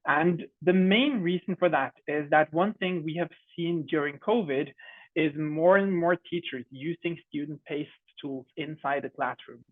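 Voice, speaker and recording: Speaking unhurriedly in a slightly high voice, a young startup co-founder from Norway walks through an online product demo in a friendly, chatty way, filling gaps with many fillers. He has a Norwegian accent, and the video call audio is dry and phone-like, with no room sound.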